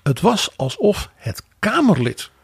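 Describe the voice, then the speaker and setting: Gravelly, raspy man. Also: high-pitched, unhurried, no room sound. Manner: animated, wry commentary with quoted asides. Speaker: podcast co-host. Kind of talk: political analysis chat.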